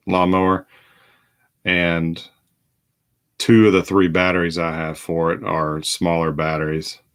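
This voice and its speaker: A tired man chats casually as host of a live card break. His voice sits very low. He talks in a rambling, halting way, with plenty of fillers and restarts. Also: fairly bright tone. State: tired, yawning. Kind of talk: casual live-stream chat.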